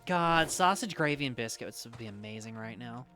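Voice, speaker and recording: A woman's voice: rumbling low, animated, normal speed, a bit bright, faint music behind. A woman streamer with a slight Southern US accent, rambling and swearing freely as she chats with her viewers while gaming live. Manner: rambling, swears freely, laughs easily, talks to chat.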